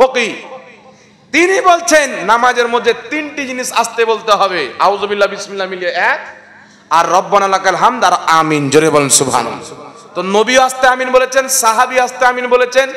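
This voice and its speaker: High-pitched exhorting preacher, echoey hall. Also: male voice, bright, forceful tone. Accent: Bengali of West Bengal. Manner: exhorting, calls on the crowd to respond; rhetorical questions, emphatic. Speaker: Islamic preacher. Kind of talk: sermon.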